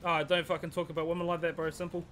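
A man with a broad New Zealand accent and a high, forceful voice. He talks in matey, sweary slang as he role-plays a police officer, with faint game noise behind him. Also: little pitch movement, racing. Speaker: streamer playing a police officer. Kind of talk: casual role-play game chat.

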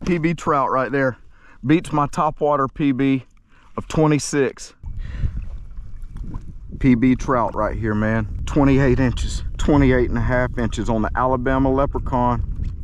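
A man in his thirties fishing from a kayak outdoors, shouting excited commentary into an action camera as he hooks fish. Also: medium pitch, unhurried, slight background noise. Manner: exclaims loudly while fighting fish. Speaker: fishing video host. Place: kayak on open water outdoors.

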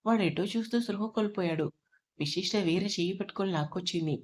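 A woman reading an audiobook love story aloud in a steady, even narrating voice. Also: on the low side, quick pace.

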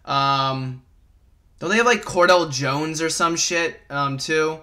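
A high-pitched young man with a bright, forceful voice, ranting casually about football as a podcast host. He rambles, swears freely and gets worked up. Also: slow. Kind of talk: casual sports rant.

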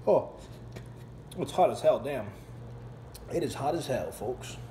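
A man's voice: medium pitch, expressive, unhurried, warm tone, reverberant, a little hiss or hum. Man talking with his mouth full. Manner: casual, blurts reactions while chewing hot food. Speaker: food reviewer. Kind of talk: casual food review vlog.

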